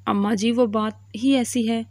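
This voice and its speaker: A woman voicing a worried middle-aged mother who talks softly and pleadingly. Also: a little high, steady tone, no echo, studio quality, lightly acted. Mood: anxious. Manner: pleading, soft.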